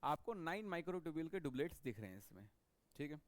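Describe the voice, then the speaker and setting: A male biology teacher gives a lecture. He talks at a somewhat raised pitch and often repeats terms while checking in with students. His voice is close and dry, with almost no room sound. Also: big pitch swings, normal speed, no echo. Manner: repetitive, checks understanding with frequent "okay". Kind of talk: classroom lecture.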